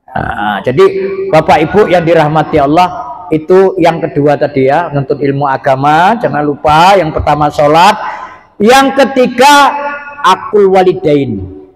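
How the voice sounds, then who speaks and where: A man giving a religious lecture, telling lively, humorous stories. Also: on the high side. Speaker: preacher.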